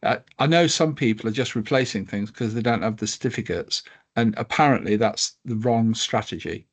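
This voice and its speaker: A man giving measured, informal advice during a meeting on a video call. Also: fairly low pitch, slightly rough. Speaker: working group participant.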